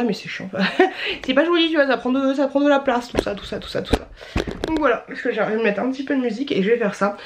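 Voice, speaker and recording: A young adult woman vlogging in a chatty, rambling way, full of slang and fillers. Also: a little high. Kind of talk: casual chat.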